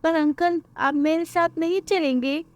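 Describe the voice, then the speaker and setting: A woman voicing a trusting young boy bird in a cartoon, eager and high-pitched. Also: steady tone, measured pace, no room sound. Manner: eager, whiny when scared.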